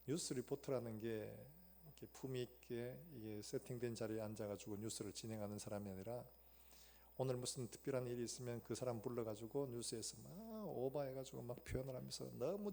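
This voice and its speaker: Male pastor, warm gravelly storyteller in a church sermon. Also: medium pitch. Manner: storytelling, acting out quotes with sudden loud outbursts. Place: church sanctuary.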